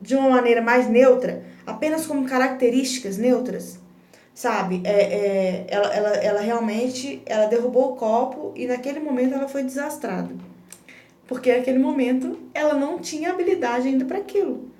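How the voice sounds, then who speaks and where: A woman's voice: high-pitched, normal speed, dark tone, distant mic. A woman giving an earnest, explanatory parenting talk in a casual live stream, often restarting her phrases. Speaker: parenting educator. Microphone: phone. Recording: roomy echo, phone held back from the speaker.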